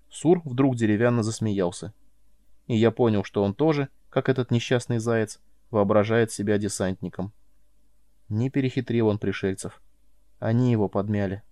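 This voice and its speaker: A man narrating a story in the first person with an even, steady delivery. His voice has a dark, mellow tone, recorded close and dry in a quiet booth. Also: on the low side, dry recording. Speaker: audiobook reader.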